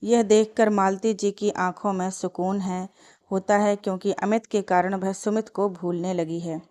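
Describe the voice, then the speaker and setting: A woman narrating a family drama story in even, measured storytelling. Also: mid-range voice.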